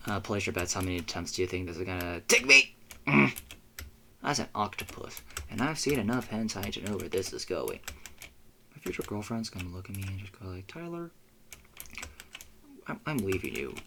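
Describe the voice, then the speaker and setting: A man's voice: sits low, animated, a little fast, gravelly, background noise. A young man giving rambling, self-mocking commentary while playing a game, with frequent cursing and yelped "oh no"s. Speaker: gamer recording a let's play.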